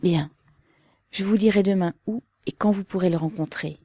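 A woman's voice: medium pitch, normal speed, warm tone, breathy edge, no room sound, lightly acted. A woman voicing an earnest, proud young woman revolutionary who speaks with restrained intensity.

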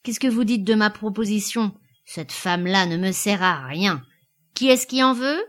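A woman reading aloud, voicing a brash, drunken young male hay-trusser in a loud, mocking, swaggering way. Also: medium pitch, expressive, moderate pace, lightly acted.

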